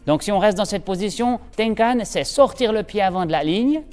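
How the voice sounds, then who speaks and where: A man teaching an aikido class, guiding breathing with calm, steady cues and giving brisk instructions. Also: sits high, smooth, in a large hall, soft background music. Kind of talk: instructional demonstration.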